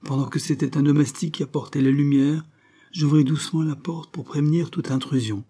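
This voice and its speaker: A man narrating a classic novel in a measured, expressive way. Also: on the high side, breathy edge. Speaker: audiobook narrator. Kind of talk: scripted narration.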